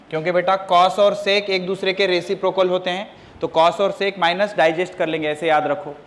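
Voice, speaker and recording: A man teaching a coaching class, first scolding students loudly about discipline, then calmly dictating formulas step by step in a classroom. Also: sits high. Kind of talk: classroom lecture.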